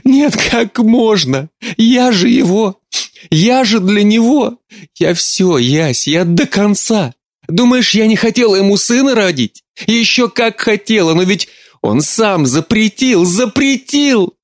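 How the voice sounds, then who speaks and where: A tearful middle-aged mother, as a male reader puts her on, her voice pushed up high and tight with sobs. She pleads and protests through her crying in a dry, close storybook reading. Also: big pitch swings, normal speed, a little mellow, no room sound. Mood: sobbing.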